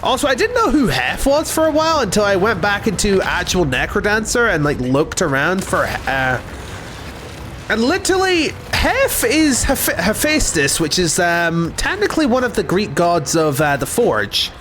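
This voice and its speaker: A man's voice: sits high, very animated, normal speed, a bit bright, slight background noise. A young man streaming a game, chatting casually in a rambling, talkative way. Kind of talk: casual gameplay commentary.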